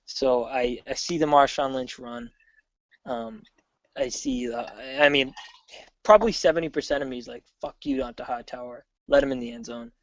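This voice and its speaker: Rambling excited fan on a dull call. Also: male voice, mid-range voice, moderate pace, no room sound. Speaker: guest. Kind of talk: casual sports chat.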